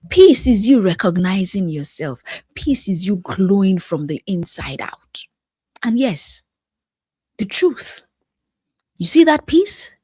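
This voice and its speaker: A woman's voice: medium pitch, mellow, breathy edge, no room sound. Woman life coach, motivational delivery, preacher-like rhythm with whispered asides, dry recording. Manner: emphatic, repetitive, preacher-like cadence with pauses. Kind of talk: motivational talk to camera.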